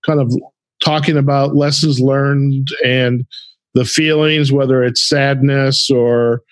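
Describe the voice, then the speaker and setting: A man's voice: mid-range voice, level tone, takes it slowly, dry recording. A man interviewing a guest, giving brief, encouraging prompts.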